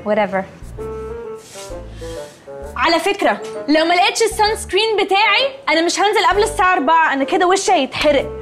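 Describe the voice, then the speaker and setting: A snooty Egyptian young woman who brushes others off and sprinkles English into her speech, in a film comedy. Her high voice moves quickly, with faint music behind. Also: expressive. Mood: haughty. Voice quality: haughty dismissive delivery.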